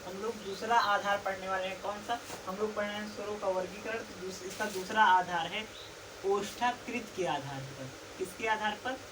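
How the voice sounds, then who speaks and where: A woman's voice: medium pitch, level tone, fairly quick, few pauses. A woman teaching a lesson who keeps asking a question and then answering it herself, repeating each key term. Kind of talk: recorded classroom lesson. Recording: distant mic with faint background noise.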